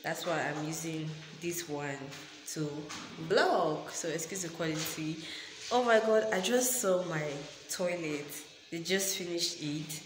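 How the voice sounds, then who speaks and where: A woman from Cameroon gushes through a slow, low-pitched house-tour vlog, filmed on a low-quality old phone. The sound is hissy and noisy, bouncing around bare, echoey rooms. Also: music in the background. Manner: gushing, exclaims wow and oh my god. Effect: low-quality old phone recording. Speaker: vlogger. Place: empty newly tiled rooms of a house, indoors. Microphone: handheld old phone.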